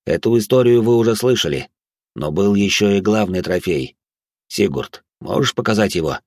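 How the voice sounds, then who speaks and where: A man voicing a stern, grim male leader in an audiobook, close to his own low voice. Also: expressive, a little mellow, dry recording. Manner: grim, measured.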